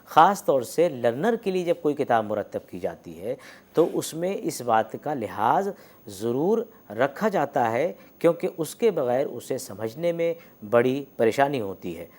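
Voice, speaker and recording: Male lecturer, animated intonation, patient and halting delivery. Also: medium pitch. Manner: explains slowly with many hesitations and demonstrated sounds. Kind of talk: academic lecture on script and pronunciation.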